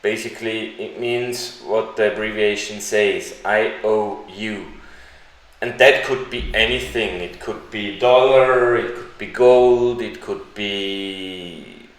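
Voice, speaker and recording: A man who isn't a native English speaker hosts a live stream Q&A, answering viewers slowly, deliberately, and haltingly. His pitch is fairly low, and the room is echoey.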